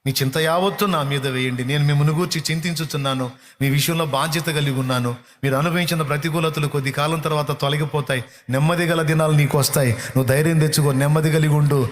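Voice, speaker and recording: A man's voice: a little high, steady tone, quick pace, a little hiss or hum, voice pushed up, natural voice. A man voicing Jesus as a tender, grieving divine father who pleads and reassures over and over in a sermon. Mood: consoling.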